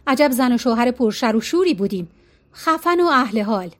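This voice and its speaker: A woman's voice: a little high, animated, close to an everyday voice. Woman reader as an old man, dry and rambling, in a storybook reading. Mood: wry. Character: old man, stubborn, wry and talkative.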